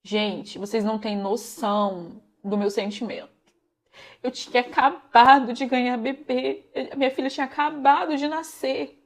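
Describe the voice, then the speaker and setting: A woman's voice: a little high, moderate pace. A young woman with a Brazilian Portuguese accent, earnestly telling her own story to viewers and acting out the dialogue. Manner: earnest, addresses viewers as "gente", acts out quoted dialogue. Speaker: vlogger sharing a personal testimony. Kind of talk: emotional personal storytelling.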